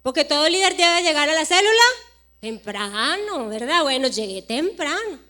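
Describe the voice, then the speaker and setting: High-voiced woman pastor telling a story. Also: normal speed. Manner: animated storytelling, acting out dialogue with emphatic rises. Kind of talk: sermon with personal story.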